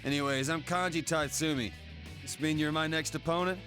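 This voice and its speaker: A man voicing a hot-tempered teenage delinquent boy with a gruff, brash delivery. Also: on the high side, steady tone, a little fast, over music, voice pushed up, natural voice.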